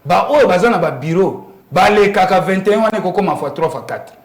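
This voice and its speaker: This interview guest, a man with a Congolese accent, talks politics with conviction and plenty of rhetorical questions. He sounds high, expressive, and brisk, and the room echoes.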